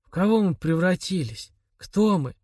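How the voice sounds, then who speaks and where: A man voicing a dying, broken father who speaks in a weak, raspy whisper. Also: high-pitched, expressive, normal speed, darkish tone, dry recording, clean studio sound, pitched above the performer's own voice. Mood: weak, pleading.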